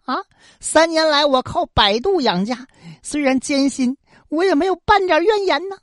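A woman's voice: sits high, expressive, moderate pace, no echo, clean studio sound, pitched above the performer's own voice. A woman telling a folk tale, voicing a devoted, wronged young ferrywoman wife with impassioned speech. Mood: pleading.

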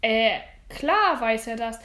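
A woman's voice: on the high side, expressive, takes it slowly, fairly bright tone, echoey room. A woman voicing a small, nervous male buyer's agent who answers shrilly and defensively, read as a storybook.

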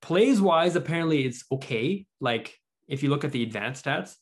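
A man's voice: on the high side, expressive, moderate pace, husky. Brief: male podcast host, talkative, casual, stat-heavy delivery. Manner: chatty, reads out stats and quotes. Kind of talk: casual sports chat.

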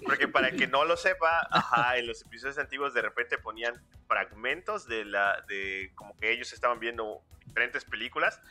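Relaxed co-host, very bright tone, faint music behind. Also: male voice, medium pitch, brisk, few pauses. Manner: relaxed, chatty, full of fillers. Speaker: podcast co-host. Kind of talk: casual chat among friends.

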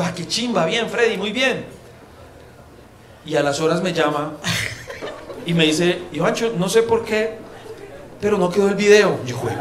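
A man's voice: high voice, fairly bright tone, a little hiss or hum. A man with a Colombian accent co-hosting a comedy podcast, telling stories and mimicking his friend in a teasing way. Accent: Colombian Spanish. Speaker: podcast co-host. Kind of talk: casual comedic podcast banter. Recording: roomy sound with audience laughter.

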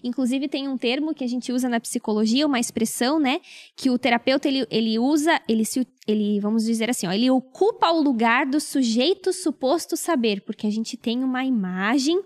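A woman who is a psychologist, calmly explaining how therapy works in casual chat. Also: high-pitched, brisk. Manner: calm, explanatory.

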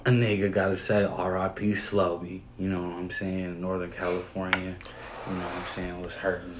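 A man's voice: sits low, completely flat delivery, moderate pace, reverberant, low-quality recording. A man guesting on a casual podcast, speaking in an earnest, slangy way and asking "you feel me". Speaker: podcast guest and fellow host.

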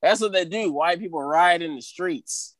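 A man co-hosting a casual podcast, bantering in an animated way. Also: sits high, moderate pace, a loud crowd. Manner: animated, spells out a name letter by letter. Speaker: co-host.

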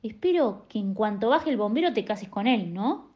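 A woman's voice: mid-range voice, animated, moderate pace, lo-fi sound, natural voice. A woman voicing a fussy, dramatic mother in a storybook reading, pleading and lamenting. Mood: fussing.

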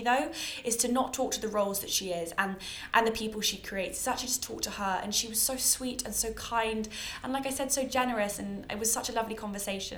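Podcast host: British woman, early twenties, mid-pitched, gushing and informal, echoey home-made sound from under a towel. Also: a bit bright. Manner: effusive, self-deprecating, emphatic. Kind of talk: chatty, informal podcast monologue. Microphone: own bought podcast microphone. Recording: echoey homemade podcast recording.

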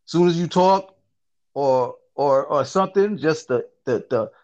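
Podcast guy rambling slangy and animated, kinda high voice, muffled lo-fi audio. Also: measured pace. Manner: animated storytelling, slangy, frequent "you see what I'm saying". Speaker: podcast host. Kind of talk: casual chat.

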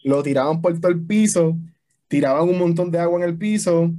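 A young man telling army stories in a casual podcast chat, slangy and animated, mixing Spanish and English. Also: fairly high pitch, a little fast. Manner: animated storyteller, slangy and swearing. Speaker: podcast guest, army veteran.

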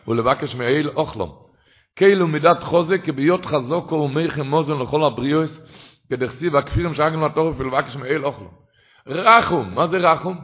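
A rabbi gives an impassioned Torah lecture in a fairly high man's voice. He rises at times into chanting. The recording is muffled and lo-fi. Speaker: rabbi teaching a class. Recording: dull lo-fi recording.

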